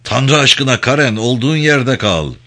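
A man voicing a desperate man who shouts pleas at someone to stay put. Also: mid-range voice, animated, moderate pace, pitched above the performer's own voice. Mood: pleading. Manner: pleading shouts. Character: desperate man pleading at a locked door.

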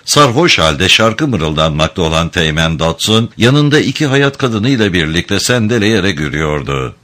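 Deep male narrator, storybook reading, lots of up and down in his voice. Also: big pitch swings, normal speed, fairly bright tone. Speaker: audiobook narrator.

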